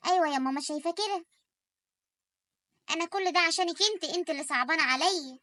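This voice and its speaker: A young woman with an Egyptian Arabic accent voicing a jealous, scheming sister in an animated story, quick and sharp-tongued. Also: very high-pitched, no room sound.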